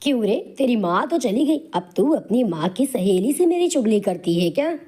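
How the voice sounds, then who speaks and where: A woman's voice: a little high, big pitch swings, moderate pace, mellow, a little hiss or hum. A woman voicing a cruel taunting aunt. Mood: harsh scolding. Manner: harsh, taunting, bullying. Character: cruel scolding middle-aged aunt. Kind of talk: animated storybook voice acting.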